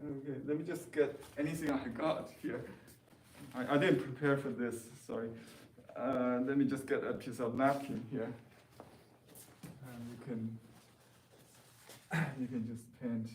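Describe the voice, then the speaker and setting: A man who speaks natively gives an informal painting lesson. His delivery is slow and hesitant, with frequent searching for the right word. The room adds clear echo and he sounds a little distant from the microphone. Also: mid-range voice, steady tone, a little mellow, slight background noise. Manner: halting, hesitant, searching for words. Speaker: painting teacher. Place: classroom, indoors. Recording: roomy echo, voice off the mic.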